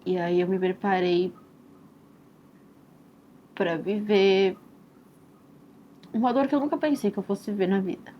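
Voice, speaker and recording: A young woman with a Brazilian accent speaks softly and reflectively, sharing a personal story as a mother. Her voice sits at an ordinary middle pitch. The recording is a little dull, with a faint hiss behind her. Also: measured pace, long pauses. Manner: soft, tender and reflective, with frequent "né?" and "assim". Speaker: mother telling her own birth story.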